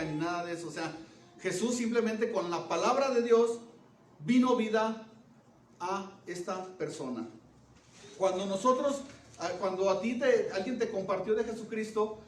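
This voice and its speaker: In an echoey church hall, a male preacher with a high voice gives a sermon, swinging from loud, emphatic phrases to hushed, low ones. He often questions the congregation to check they're following. The mic catches him from a distance, with faint noise behind.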